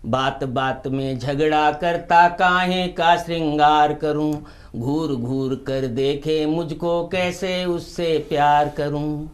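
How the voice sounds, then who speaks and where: A man singing a comic poem in the voice of a married woman in her forties who is fed up with her husband, in a slow, sing-song melodic delivery. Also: on the high side, steady tone. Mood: complaining.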